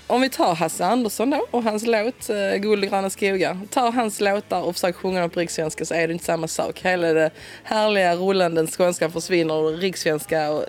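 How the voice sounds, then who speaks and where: A woman with a broad Scanian accent chatting in a relaxed interview, talkative and quick to laugh. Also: lowish voice. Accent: broad Scanian Swedish. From Skåne, southern Sweden. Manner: chatty, laughs often, lively. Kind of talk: casual conversational interview.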